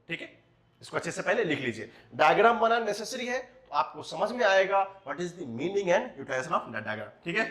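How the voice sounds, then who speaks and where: Man, physics lecture, animated tone, echoey room. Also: on the high side. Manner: mixes Hindi and English, asks rhetorical questions. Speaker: physics teacher. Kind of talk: classroom lecture. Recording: roomy echo.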